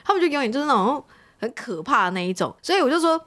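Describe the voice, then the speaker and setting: Give me an animated woman shop owner telling stories quickly and expressively. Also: high voice. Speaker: online shop owner and livestream seller. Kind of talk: casual chat.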